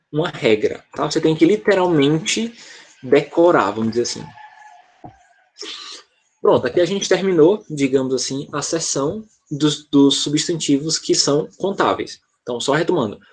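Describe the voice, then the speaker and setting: A man's voice: fairly high pitch, animated, moderate pace, breathy edge. A Brazilian man teaching an online English class, explaining patiently and often checking in with the students.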